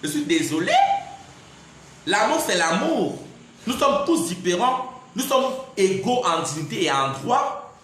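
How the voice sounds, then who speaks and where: A man's voice: high voice, big pitch swings, unhurried, pauses often, fairly bright tone. A man giving a defiant live-stream monologue, repeatedly insisting "I'm sorry" and "in fact.". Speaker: livestreamer. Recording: very echoey room, faint background noise.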